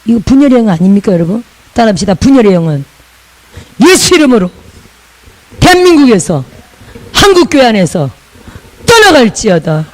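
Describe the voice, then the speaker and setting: A woman's voice: a little high, very animated, normal speed, pauses often, poor audio. A woman pastor from Busan, preaching a sermon in a chatty way with laughing asides and call-and-repeat lines.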